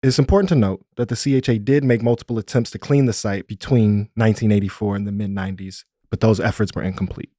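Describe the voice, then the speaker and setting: A man co-hosting a podcast, explaining things in a relaxed, conversational way. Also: fairly low pitch, fast talker, hardly any pauses, dry recording, clean studio sound. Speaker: podcast co-host. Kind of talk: casual explanatory narration.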